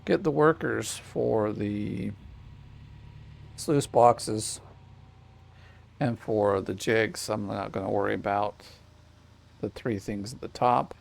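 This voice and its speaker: Gravelly-voiced man playing a game. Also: on the low side, takes it slowly, pauses often. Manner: rambling, self-correcting, chatty asides to a child. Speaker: gaming channel host. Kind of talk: casual gameplay commentary. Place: home desk with a small child nearby.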